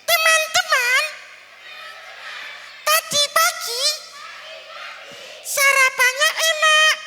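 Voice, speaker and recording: A man voicing a small cheerful child with a squeezed, high, tiny voice, calling out to friends. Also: steady tone, drawn-out words, heavy background noise, heavily acted. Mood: chirpy. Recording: long hall reverb.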